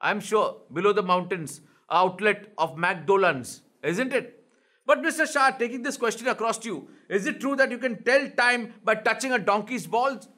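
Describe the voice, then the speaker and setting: A man's voice: sits high, moderate pace, bright, forceful tone. A man with an Indian accent playing a pompous, self-important male news anchor who keeps calling his guests "sir" in a comedic spoof interview. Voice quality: pompous, formal. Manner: repeats "sir" constantly, lectures guests.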